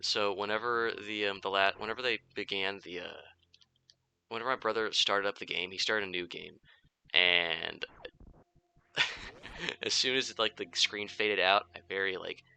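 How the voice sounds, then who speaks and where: A young man in his twenties with a low voice full of gravelly fry rambles through a gaming podcast as he plays. His tone is strikingly bright and forceful, and he swears freely. He keeps stopping and restarting his sentences in a loose, candid way. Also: a little slow, long pauses. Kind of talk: casual rambling chat while playing a game.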